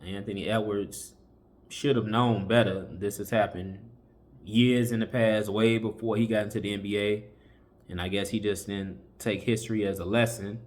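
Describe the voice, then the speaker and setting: Guy with a low voice, preachy chat full of fillers. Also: fairly even intonation, moderate pace, a little mellow. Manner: preachy, conversational, repeats warnings with many fillers. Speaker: commentary channel host. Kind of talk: casual opinion commentary.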